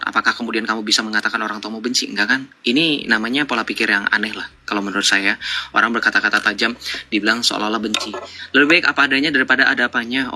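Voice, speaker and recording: A man's voice: on the low side, sharp tone, slight background noise. A man hosting a live online debate, lecturing callers with mocking rhetorical questions. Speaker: live-stream debate host.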